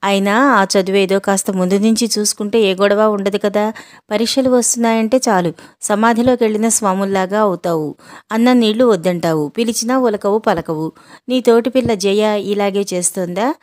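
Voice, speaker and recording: A woman's voice: medium pitch, moderate pace, darkish tone, lightly acted. A woman voicing a middle-aged mother who chides her daughter in a worried way. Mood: chiding. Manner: chiding.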